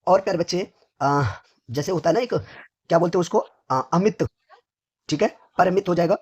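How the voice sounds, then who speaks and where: A hoarse man teaching a vocabulary lesson for exam preparation, who asks each question, answers it himself, and keeps addressing his students fondly. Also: sits high, normal speed. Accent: North Indian Hindi. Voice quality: husky.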